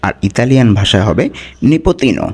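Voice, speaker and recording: Man teaching words with slow repetition. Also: on the low side, expressive, darkish tone. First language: Bengali. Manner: repeats each word and its meaning, checks with "ঠিক আছে". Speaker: language teacher. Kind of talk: slow repetitive vocabulary lesson.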